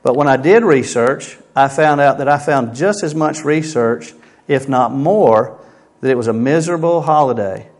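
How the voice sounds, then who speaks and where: A man's voice: mid-range voice, normal speed, a little mellow. A man preaching a sermon as a pastor at a pulpit microphone, speaking emphatically and posing rhetorical questions.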